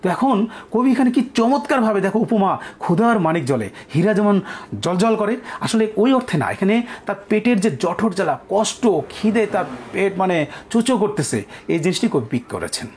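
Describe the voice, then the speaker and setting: A man teaching a poetry lesson to students, reciting verses slowly and explaining them with frequent questions to the class. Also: sits high, very animated, a little mellow, slightly rough.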